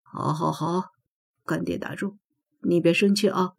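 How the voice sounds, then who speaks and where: A woman's voice: on the low side, a little slow, gravelly, darkish tone, breathy edge, exaggerated voice. A woman voicing a playful middle-aged male godfather who brags and teases in a coaxing way, in a storybook reading. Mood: teasing. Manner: joking, boastful, coaxing.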